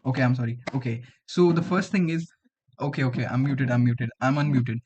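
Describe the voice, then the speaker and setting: A student coder and livestream host in his twenties, from Delhi, chats slangily with viewers, bantering and saying "bro" a lot, in an Indian accent shaped by his mother tongue, Hindi. His medium-pitched voice is fairly quick and a little mellow, with slight background noise.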